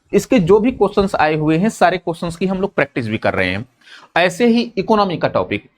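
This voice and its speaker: High-voiced man teaching an exam-prep lesson. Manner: repeats key points as quick questions to the students; calls students "babu" and checks in with "theek hai na?".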